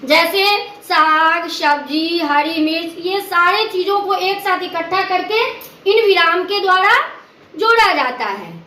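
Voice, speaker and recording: A woman teaches grammar, speaking in a very high, bright voice. She moves slowly and deliberately, stopping to walk through each example. The sound bounces around a roomy, echoey space. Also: expressive, a little hiss or hum. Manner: slow, careful, explains with examples. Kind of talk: explaining a grammar lesson.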